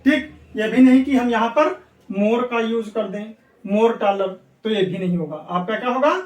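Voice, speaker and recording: A man's voice: high-pitched, unhurried, distant mic. Echoey man teaching grammar. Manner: repetitive, asks students questions and answers them. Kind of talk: classroom lecture for exam prep. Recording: echoey room, voice away from mic.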